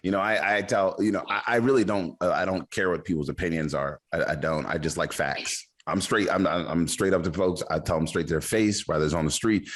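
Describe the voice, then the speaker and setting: A man hosting a podcast interview, talking in a relaxed, slangy way. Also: deep voice. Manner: relaxed, slangy, quick to laugh along. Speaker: podcast host. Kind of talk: casual interview talk.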